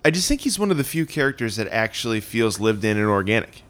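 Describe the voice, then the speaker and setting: A man's voice: fairly low pitch, big pitch swings, quick pace, a bit bright. A man co-hosting a podcast in casual chat, rambling as he retells scenes with fillers. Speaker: podcast co-host.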